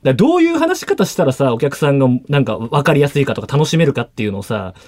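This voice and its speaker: A man, a rock band member, recounting gigs in fast, excitable radio chat. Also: mid-range voice. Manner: fast, excitable, laughing interjections.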